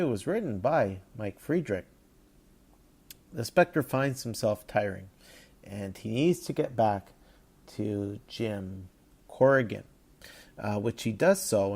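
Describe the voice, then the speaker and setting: Male podcast host, casual commentary, low voice, dark mellow tone.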